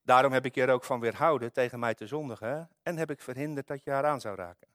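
Man reading God in a dream, stern, calm, measured, dry close sound. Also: medium pitch, dry recording, lightly acted.

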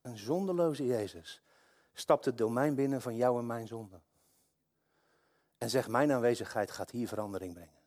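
A male pastor preaches with mounting passion. His delivery moves from quiet, reflective stretches to loud, fervent passages. His voice sits at an ordinary middle pitch. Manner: impassioned, swings from hushed to loud. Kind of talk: sermon.

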